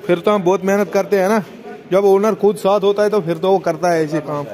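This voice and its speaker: A young man in his twenties who drives trucks explains his job in relaxed vlog commentary, shooting outdoors in a loading yard on a phone held by hand. He seems tired, and his high, slightly mellow voice runs a little fast with fairly even intonation.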